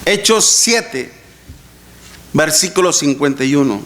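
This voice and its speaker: High-pitched male preacher, earnest sermon. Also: expressive, slow, fairly bright tone, slight background noise. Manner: earnest, addresses congregation as brothers, repeats scripture references. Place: church.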